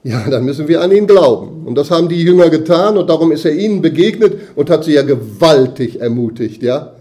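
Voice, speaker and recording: A man preaching, his voice sitting a little high yet sounding dark and mellow. He talks to the congregation conversationally, tagging points with quick "ja?" asides, and he swells his voice for emphasis before letting it sink low. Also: lively intonation. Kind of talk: sermon.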